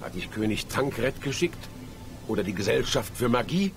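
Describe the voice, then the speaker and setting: Animated, anxious bookish mage. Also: male voice, mid-range voice, moderate pace, background noise. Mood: relieved, excited. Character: anxious, bookish male mage, grateful and long-winded. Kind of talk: video game acting.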